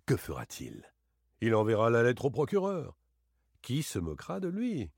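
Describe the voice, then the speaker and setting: A man playing suave gentleman thief Arsène Lupin. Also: breathy edge, dry recording, clean studio sound, full character voice. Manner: teasing, theatrical, swings between bright exclamations and low asides. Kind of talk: dramatic audiobook reading.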